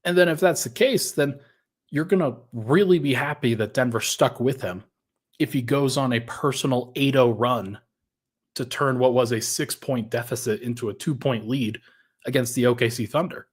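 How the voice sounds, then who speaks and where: A man's voice: medium pitch, normal speed, husky. Slightly breathless male sports podcaster. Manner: conversational, thinks aloud with restarts and fillers. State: a little out of breath. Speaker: podcast host. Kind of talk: casual sports talk podcast.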